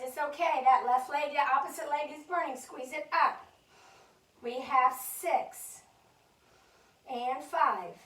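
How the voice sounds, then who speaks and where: Slightly breathless, the instructor calls out reps and urges on her Pilates chair class, a live session in a fitness studio. She has a high, rather bright voice, and the mic sits far off in the echoing space.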